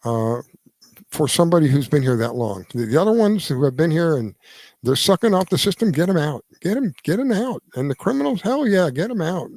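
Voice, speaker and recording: Man, 70s, radio host, casual opinion talk; earnest, halting restarts, fairly high and animated voice. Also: no room sound. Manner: lively, swings between emphatic and quiet.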